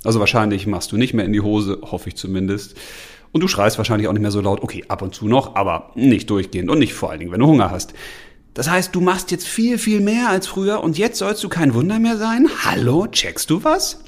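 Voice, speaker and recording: A man's voice: medium pitch, animated, a little fast. A man giving a casual, slangy motivational talk straight to the listener. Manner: casual, slangy, direct address with laughs. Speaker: motivational speaker.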